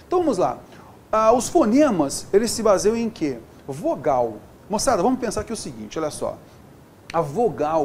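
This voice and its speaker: Brazilian male teacher, upbeat and chatty, lively up-and-down pitch, faint hum behind. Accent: Brazilian Portuguese. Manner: upbeat, lively and chatty, with constant check-ins to the student. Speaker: Portuguese teacher. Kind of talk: exam-prep video lesson.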